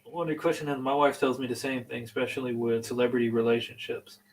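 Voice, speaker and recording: A man with a mid-pitched voice trades jokes with his podcast co-hosts. He swears casually and breaks into loud, excited bursts. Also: fast talker, far from the mic, rough recording. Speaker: podcast co-host. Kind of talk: casual banter.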